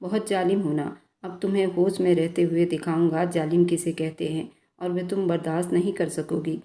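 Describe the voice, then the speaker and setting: A cruel, possessive young man who taunts in a level, menacing tone, as a woman reader puts him on. The voice sits low, dark and mellow, with little rise or fall. A roomy echo hangs around it. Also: normal speed, natural voice. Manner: menacing, mocking, flat delivery. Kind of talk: storybook narration.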